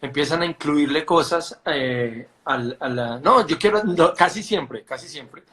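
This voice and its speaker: A man's voice: fairly high pitch, unhurried, bright, forceful tone. A man with a Colombian accent hosting an interview, chatting casually and telling anecdotes. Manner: conversational, tells anecdotes. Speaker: interview host.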